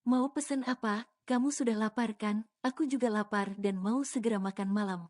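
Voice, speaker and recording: A woman with a fairly high, slightly mellow voice speaks at normal speed in a steady tone, lightly acting as she reads the part of a doting young boss.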